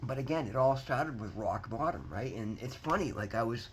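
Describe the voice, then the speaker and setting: A man's voice: mid-range voice, animated, normal speed, slight background noise, low-quality recording. Earnest man in his fifties, rambling. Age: 50s. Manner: earnest, rambling, repeats words and restarts, often says "guys". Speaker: vlogger sharing recovery story. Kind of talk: casual motivational talk to camera.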